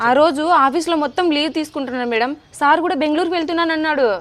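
Woman playing a cheerful employee, high and rapid. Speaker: office employee in a comedy skit. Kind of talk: comic sketch acting.

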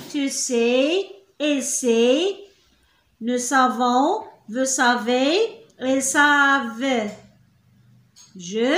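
A woman's voice: on the high side, a bit bright. A woman with a Moroccan Arabic accent teaching French reading, drawing out syllables and patiently repeating sounds. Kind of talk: slow spelled-out reading lesson. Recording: echoey room.

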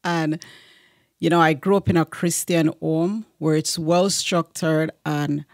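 Soft-spoken Jamaican woman, dry sound. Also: deep voice, steady tone, slow, dry recording. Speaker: podcast guest. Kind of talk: casual interview.

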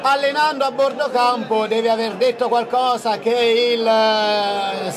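High-voiced man commenting over roaring crowd. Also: steady tone, a little slow. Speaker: football radio co-commentator. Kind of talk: live match commentary with opinionated asides. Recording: very noisy stadium, loud crowd. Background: loud crowd in an open stadium.

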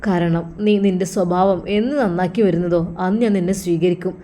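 A woman's voice: fairly low pitch, steady tone, a little fast, dark tone, close to an everyday voice. A stern older father-in-law, as a woman narrator puts him on rebukes his wife coldly and scornfully. He speaks with a Malappuram Malayalam accent.

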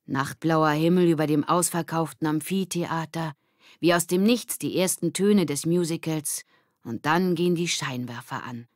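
A woman calmly narrating a children's audiobook in a measured storytelling voice. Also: low voice, dry recording, clean studio sound.

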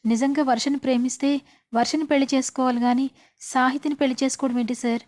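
A woman's voice: high voice, steady tone, fast talker, darkish tone. A woman casually retelling a television serial episode, speaking each character's lines in her own voice. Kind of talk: casual spoken story recap.

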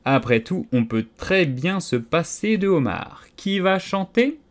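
Man doing a mournful weeping sea creature for a storybook, tearful, rises high, unhurried. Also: very animated. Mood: pleading. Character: weeping sorrowful Mock Turtle creature. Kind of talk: storybook character voice.

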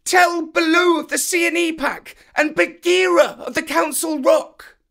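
A man voicing a desperate young boy raised in the jungle, shouting high and strained for help. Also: fairly even intonation, a little slow, heavily acted.

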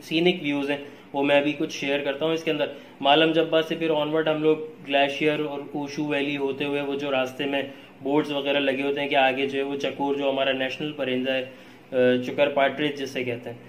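A man with a Pakistani Urdu accent, talking casually in a travel vlog, easygoing and dropping English phrases with frequent uh fillers. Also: on the high side. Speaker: travel vlogger. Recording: echoey room with faint background noise.

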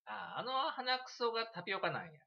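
Lively Kansai man rambling on stream. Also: high-pitched, brisk, creaky, dull audio. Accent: Kansai Japanese. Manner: chatty, animated, giggling asides. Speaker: livestreamer. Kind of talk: casual rambling storytelling.

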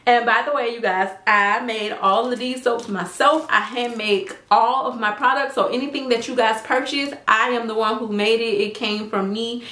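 An excitable woman chatting casually in a vlog, showing off her handmade skincare products and calling out to viewers as "you guys," with a lilt. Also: on the high side, moderate pace, few pauses, far from the mic. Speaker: skincare business owner and vlogger. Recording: echoey room, voice a bit off-mic.

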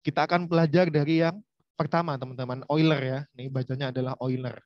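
A man's voice: fairly high pitch, flat delivery, fast, dry recording. A man teaching a university lecture online, chatty and speaking straight to his students. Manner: chatty, addresses students directly. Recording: dull, lo-fi.

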